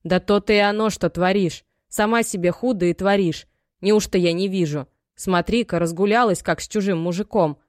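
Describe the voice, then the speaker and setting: A woman's voice: fairly low pitch, moderate pace, no room sound, clean studio sound, close to an everyday voice. A woman voicing an aging, worried mother who scolds and pleads in homely, folksy speech. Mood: scolding. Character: aging worried mother, stern yet loving.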